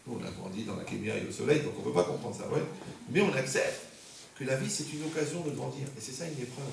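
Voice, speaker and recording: Gravelly rabbi preaching in an echoey hall. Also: male voice, mid-range voice, fast, recorded from a distance. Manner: joking, punchy, rhetorical questions to the audience. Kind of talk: humorous sermon to a congregation. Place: community center hall. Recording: echoey hall recorded from afar, faint noise.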